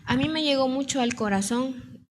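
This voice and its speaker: Young woman, earnest church testimony, sore throat, somewhat high voice, faint background noise. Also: moderate pace. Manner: earnest, repetitive storytelling. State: sore throat, slight cough. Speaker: church speaker giving a testimony. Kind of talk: testimony sermon to a congregation.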